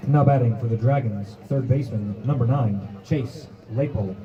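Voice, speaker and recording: A man heard over a ballpark PA loudspeaker, introducing batters with a formal, measured delivery at an outdoor baseball field. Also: medium pitch. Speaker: public address announcer. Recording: distant dull PA sound with crowd.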